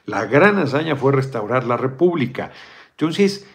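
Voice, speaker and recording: A middle-aged man with a Mexican accent holds forth in a casual video chat, his voice carrying a gravelly edge. He speaks bluntly, drops swear words without a second thought, and keeps wandering into digressions before coming back to his point. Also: medium pitch, big pitch swings, a little slow. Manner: blunt, swears freely, digresses and corrects himself. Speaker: politician hosting a video chat. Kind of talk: casual political commentary.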